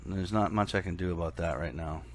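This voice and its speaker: A man's voice: sits low, a little fast, slight background noise. A man in his forties hosting a casual online chat over a weak internet link, his voice muffled as if heard through a wall; he talks loosely and trails off. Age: 40s. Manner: casual, swears often, trails off. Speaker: podcast host. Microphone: remote call over a weak internet link.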